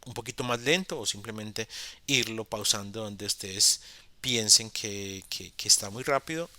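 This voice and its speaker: A man's voice: fairly low pitch, moderate pace, sharp tone, dry recording. A man explaining grammar in a patient, repetitive lesson for beginners, with frequent fillers and restarts. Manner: patient, repeats key points, many fillers. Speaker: English teacher.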